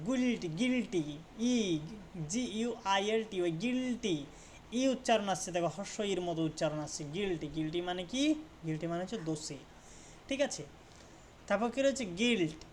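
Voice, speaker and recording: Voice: medium pitch, a little hiss or hum. A teacher giving an English pronunciation lesson, repeating words and asking "right?" after nearly every point, sometimes stopping to correct a slip. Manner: repetitive, checks understanding with frequent questions; self-correcting, pauses to fix mistakes. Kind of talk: classroom lesson explaining spelling rules.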